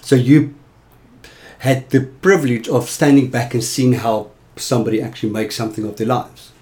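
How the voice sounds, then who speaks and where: A man hosting a podcast, introducing episodes and interviewing guests, animated and quick to laugh. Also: medium pitch, husky. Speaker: podcast host.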